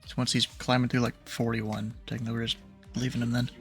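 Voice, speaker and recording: A man's voice: mid-range voice, little pitch movement, brisk, creaky, faint music behind. A man giving air traffic instructions as a controller, informal and hesitant, mixed with casual chat.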